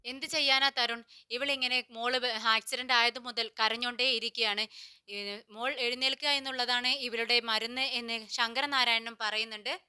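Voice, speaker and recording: A woman tells the events of a TV serial as a voice-over recap, slipping into the characters' lines without changing her voice. Her voice is bright and crisp, sitting a little on the high side. She pauses, restarts and uses filler sounds as she goes. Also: steady tone. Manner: retells scenes, reading characters' quoted lines in her own voice. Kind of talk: voice-over story retelling. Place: home voice-over, not the pictured place.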